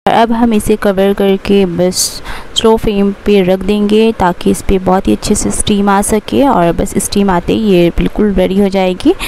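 A woman's voice: mid-range voice, gravelly, dark tone, a little hiss or hum. A young woman chatting through her home cooking steps in a casual voice-over, explaining each step as she goes. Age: young adult. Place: home kitchen.

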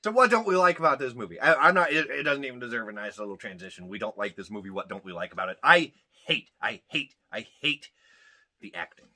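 A man's voice: mid-range voice, fast. An American man co-hosting a movie review podcast, ranting casually and swearing a lot. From United States. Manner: ranting, profane, animated. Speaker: podcast co-host.

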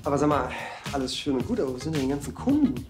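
A boastful middle-aged father with a brash, chummy way of talking. His voice swings widely in pitch as he bragsn and loud music plays underneath. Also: very animated, rapid-fire. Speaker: visiting father. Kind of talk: sitcom acting. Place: barbershop set. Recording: music bed under dialogue.

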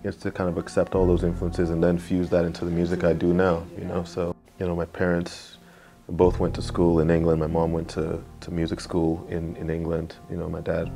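A man's voice: deep voice, creaky. A young man from Nigeria, a music producer, talking casually in an interview in a music studio, often saying "you know". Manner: relaxed, fills pauses with "you know".

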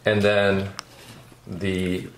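A man's voice: low voice, extremely slow. A father vlogging casually at home, rambling to a handheld camera. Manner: relaxed, rambling, talking to camera. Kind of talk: casual vlog chat. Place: home, indoors. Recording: echoey room with clear background noise.

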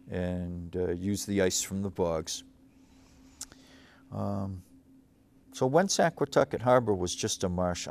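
Middle-aged cape cod guy, low voice, meandering and reflective, lots of ums, studio desk. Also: darkish tone. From Cape Cod, Massachusetts. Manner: meandering, reflective, many fillers and restarts. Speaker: local show host. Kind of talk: rambling local-history monologue. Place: small studio set, seated at a desk.

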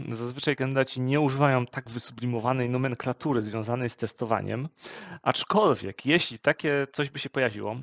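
A man co-hosting a vlog, giving steady advice with frequent hesitation fillers. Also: medium pitch, gravelly, dry recording. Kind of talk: casual advice chat.

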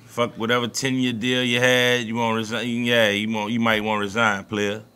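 A man with a New Orleans accent riffs on football as a podcast co-host, cursing freely and leaning hard on his points. His voice is bright and forceful, sitting at an ordinary pitch. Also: level tone, normal speed, clear, resonant tone. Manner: loose, profane, emphatic. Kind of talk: casual sports talk.

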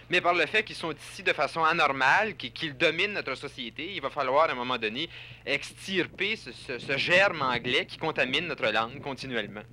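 A man's voice: mid-range voice, pushed and bright, slight background noise. A man with a Quebec French accent giving firm, emphatic opinions in a street interview. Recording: 1967 archival street recording.

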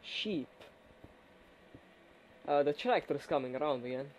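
A man's voice: on the high side, animated, a little slow, slight background noise. Teasing young man playing a game. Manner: teasing, joking. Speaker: gamer. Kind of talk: casual co-op gameplay chat.

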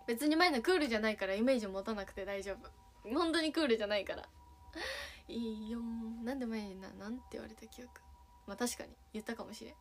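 A young woman with a light Sanuki accent from Kagawa chats on a casual livestream. She answers fan messages playfully and giggles often. Her voice sits a little high. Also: fast, slight background noise. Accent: Sanuki dialect (Kagawa). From Kagawa, Japan. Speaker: idol streaming and chatting with fans.

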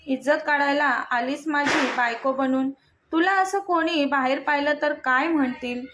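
A domineering young husband from a spoken storybook, scolding sharply and quick to anger, as a woman narrator puts him on. The voice sits high, with a faint hiss of noise behind it. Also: fairly bright tone. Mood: angry scolding. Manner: harsh, scolding.

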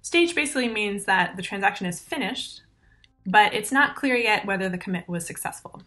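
Bright-voiced woman explaining database internals. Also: medium pitch, animated, fairly quick. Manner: clear, methodical technical explanation. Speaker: conference presenter. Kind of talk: recorded conference talk over slides.

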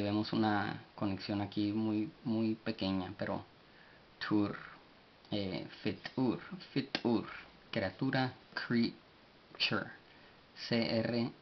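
A man teaching words in a spoken lesson, his low voice moving at a very slow, deliberate pace. He spells each word out letter by letter and fills the gaps with hesitant fillers. The recording is dull, with a faint hiss behind him. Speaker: language teacher.

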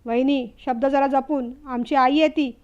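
A woman's voice: sits high, steady tone, measured pace, a little mellow, highs cut off. A woman voicing a spoiled, hot-tempered younger son who makes demands and sneers. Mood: irritated.

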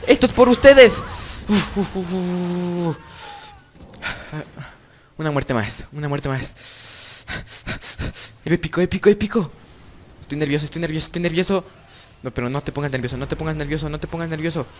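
A young man hosting his gaming channel delivers excited gameplay commentary, repeating phrases again and again. His voice is a little high at normal speed with frequent pauses, plus a little hiss or hum.

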